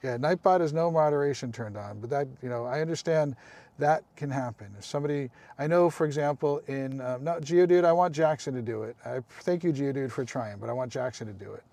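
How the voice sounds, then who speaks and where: A man's voice: mid-range voice, brisk, gravelly, dark tone, no room sound. A man hosting a casual live stream, chatting with viewers, calling them by name and making apologetic asides.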